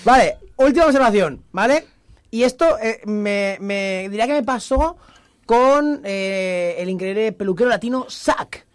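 A man's voice: high-pitched, lively intonation, a little slow, clean tone. A young man with a Spanish accent from Spain, hosting a casual comedy chat and telling stories animatedly, often stumbling over repeated words. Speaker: podcast host.

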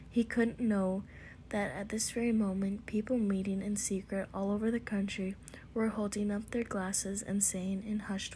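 A woman reads a storybook aloud in a gentle, hushed whisper. Her pitch sits in a middle range. A faint hiss of background noise runs underneath. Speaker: storyteller reading a book aloud.

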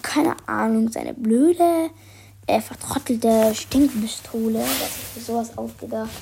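A woman's voice: a little high, measured pace, vocal fry, warm tone, a little hiss or hum. A woman reading a children's book aloud and commenting on it in a chatty, hesitant way. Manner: hesitant, many fillers, amused asides.

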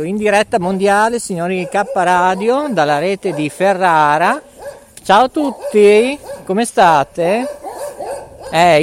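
Breathless, lively-voiced radio man walking. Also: high voice, background noise. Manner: rambling, jokey, tags lines with "eh?". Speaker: web radio host. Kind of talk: live mobile radio broadcast. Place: outdoors on city streets while walking.

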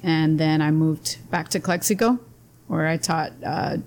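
A woman in her forties, a school athletic director, recounting her background in a friendly, steady way. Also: low-pitched, normal speed. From Southern California, raised partly in Spain. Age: 40s. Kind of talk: interview answers.

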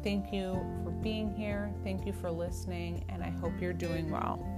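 A woman's voice: on the low side, steady tone, measured pace, loud music behind the voice. A woman hosting a podcast, opening the episode and chatting casually with her guest. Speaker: podcast host. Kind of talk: casual interview chat.

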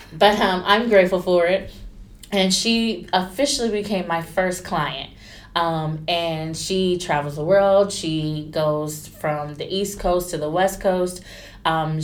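A woman, a stylist chatting candidly in an interview and acting out quotes with lively turns. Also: fairly low pitch, a little slow. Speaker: stylist and entrepreneur. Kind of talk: casual interview storytelling.

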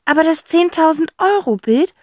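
A woman's voice: very high voice, lively intonation, moderate pace, darkish tone, no room sound, clean studio sound, voice pushed up. A woman voicing a clever, eager boy detective in a children's audiobook. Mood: reasoning.

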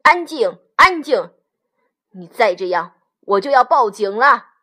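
A prim old dog postmaster speaks in a lowered, officious voice, as a woman storyteller puts him on. He sounds fussy and bound to the rules, a stern storybook clerk. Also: expressive, a little slow, fairly bright tone. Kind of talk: storybook read-aloud.

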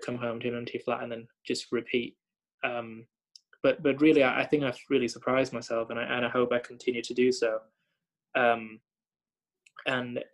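In this low-quality recording, a young doctor from Thailand who works at a hospital reflects aloud in conversation. His mid-range voice is creaky, and his thoughtful speech is full of fillers and false starts.

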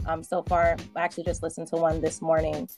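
A woman's voice: deep voice, monotone, fast talker, a little mellow, faint music behind. A woman hosting a podcast interview, bubbly and chatty, laughing often and using lots of "like" and "um". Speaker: podcast host.

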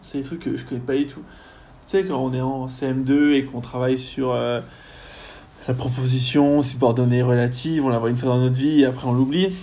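A young man, a university student, chatting casually in a podcast interview, often pausing on fillers as he thinks. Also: medium pitch, level tone, mellow. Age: young adult. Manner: chatty, lots of hesitations and fillers.

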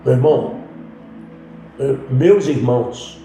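A man's voice: mid-range voice, takes it slowly, mellow. Man, podcast guest, slangy, fervent emphasis, very echoey, music behind. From Minas Gerais, Brazil. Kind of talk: casual personal testimony. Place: podcast studio. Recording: very echoey room with background music.

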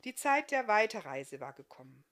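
A woman author reading her fairy-tale novel aloud in an expressive, lively storytelling manner. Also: medium pitch, normal speed.

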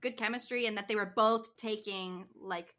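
A woman's voice: medium pitch, fairly even intonation, moderate pace, pushed and bright. A woman co-hosting a movie podcast, giving her opinions in casual chat. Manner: opinionated, hedging with "like". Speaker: podcast co-host.

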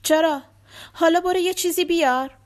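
A woman reading the lines of a gentle, tired father who answers his daughter in short, hesitant replies in an audiobook. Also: very high-pitched, pitched above the performer's own voice. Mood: subdued. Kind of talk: audiobook character voice.

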